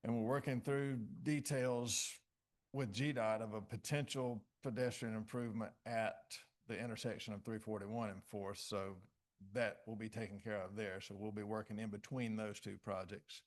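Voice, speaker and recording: A man, a city director, methodically presenting a project report at a public commission meeting with frequent pauses. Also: lowish voice, steady tone.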